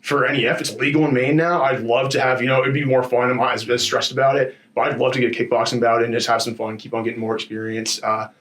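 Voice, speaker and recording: A man speaking as a fighter in a casual post-fight interview, in an informal, rambling and animated storytelling way with slangy asides. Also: mid-range voice, quick pace, few pauses. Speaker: MMA fighter being interviewed after a bout.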